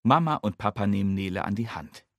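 A man reading a children's story aloud in a lively, expressive way. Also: fairly low pitch, a little fast, no echo. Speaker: narrator.

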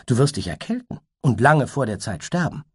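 A man playing a gentle, weary unicorn, pitched up from his low husky voice. He speaks softly and earnestly, with a lively rise and fall, as a storybook character. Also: moderate pace. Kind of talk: storybook reading.

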